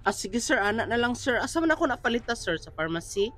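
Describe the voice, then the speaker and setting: A woman's voice: fairly high pitch, very animated, fast, a bit bright. A woman playing an anxious, chatty patient in a comedy sketch, fretful and polite, calling the nurse sir again and again. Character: anxious, chatty woman patient worried about blood pressure.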